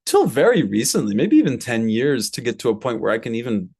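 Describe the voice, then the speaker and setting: In an interview, a Brooklyn composer and violinist in his thirties speaks reflectively, searching for his words and repeating a few for emphasis. His medium-pitched voice is husky and darkish in tone, very animated and fairly quick.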